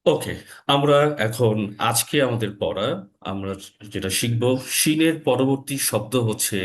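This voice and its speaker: A Quran recitation teacher with a medium-pitched voice teaches Arabic letter pronunciation in an online lesson. He speaks slowly and deliberately, repeating each sound for his learners.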